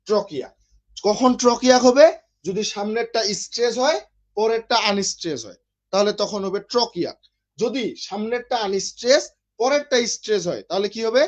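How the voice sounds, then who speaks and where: A man's voice: sits high, animated, normal speed. A man from Bangladesh teaching an online literature class, explaining step by step and often checking with his students.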